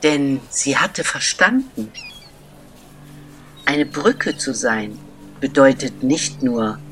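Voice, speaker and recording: Guy reading a kids story real slow, bright clear voice, soft music underneath. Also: medium pitch, sing-song. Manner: slow and deliberate, with dramatic pauses. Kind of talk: scripted narration of a children's story.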